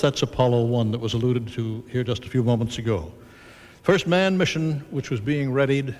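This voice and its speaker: A man moderating a panel, narrating history to an audience with measured, dramatic emphasis. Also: mid-range voice, darkish tone. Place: large auditorium at a symposium. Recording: long reverb of a big hall.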